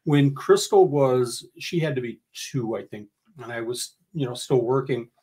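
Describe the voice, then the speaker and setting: An older man with a husky voice, hosting a casual livestream giveaway, chatting and joking as he reads out a list of gifts. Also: medium pitch, measured pace, a little mellow. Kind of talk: casual giveaway announcement, reading out gift list. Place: indoor room, livestream.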